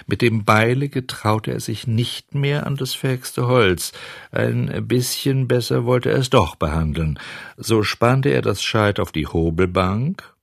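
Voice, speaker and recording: Brief: male storybook narrator, low and breathy, animated, dry close recording. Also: unhurried, no room sound. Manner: expressive, animated. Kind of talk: storybook reading.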